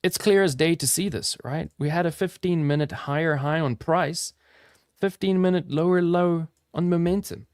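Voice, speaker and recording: An upbeat, chatty man from South Africa, his South African accent softened toward American, hosting a live trading stream and talking straight to his viewers. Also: fairly high pitch, moderate pace, clean tone, no echo, clean studio sound. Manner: upbeat, chatty, addresses chat viewers directly. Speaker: crypto trading livestream host. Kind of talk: casual live-stream commentary.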